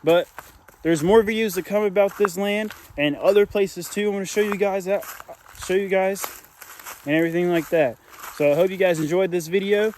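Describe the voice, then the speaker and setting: Young man, rambling casual vlog, walking outdoors, slightly high voice, faint background noise. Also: normal speed, darkish tone. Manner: rambling, repeats "and everything like that"; talks while walking outdoors. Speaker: hunting vlogger. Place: outdoors on wooded hunting land.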